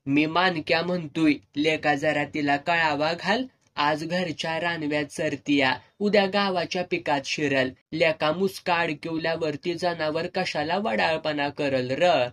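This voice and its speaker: A man's voice: on the high side, measured pace, fairly bright tone. A man voicing a teasing, gossiping village man, in a serialized audio novel. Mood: mocking.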